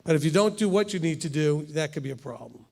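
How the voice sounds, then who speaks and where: Animated and fast-talking, this rabbi in his fifties has a slightly high, creaky, somewhat mellow voice that fills a large hall. He guides his congregation's Torah study in a conversational way, repeatedly asking "okay?"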